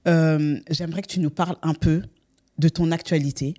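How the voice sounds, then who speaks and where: A man hosting a podcast interview, agreeable and quick to affirm his guest. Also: a little high, fairly even intonation, warm tone. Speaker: podcast host. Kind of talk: casual interview.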